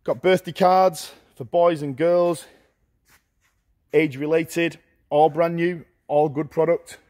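A middle-aged man walking through a large warehouse, listing auction lots in short, brisk phrases as he goes. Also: fairly high pitch, steady tone, a little mellow. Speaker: auctioneer giving a viewing tour. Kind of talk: walking tour commentary. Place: large indoor warehouse with shelving.

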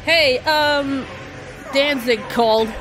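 Loud swearing woman streamer. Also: high-pitched, slow pace, faint music behind. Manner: profane, yells at the game, jokes. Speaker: gaming streamer. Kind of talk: live gameplay commentary.

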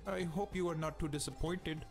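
An actor playing a smug computer program with a thick accent, haughty and mocking. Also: male voice, on the high side, steady tone, fairly quick, vocal fry, music in the background.

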